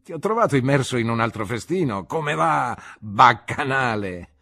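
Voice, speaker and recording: Brief: a male reader playing a boisterous, careless young gent for an audiobook, pitched up and husky. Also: expressive, normal speed, sharp tone, heavily acted. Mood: jovial. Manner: breezy, teasing, boisterous. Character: jovial careless young gentleman. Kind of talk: audiobook reading.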